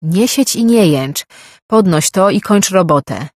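Give me a narrator playing a gruff male overseer, shouting commands in a dry, close voice. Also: mid-range voice, expressive, moderate pace, no echo, lightly acted. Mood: angry. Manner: barking orders.

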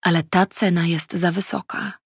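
A woman's voice: on the low side, fairly even intonation, moderate pace, vocal fry, husky, dry recording, clean studio sound. Woman voicing a defiant young female mage. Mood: earnest.

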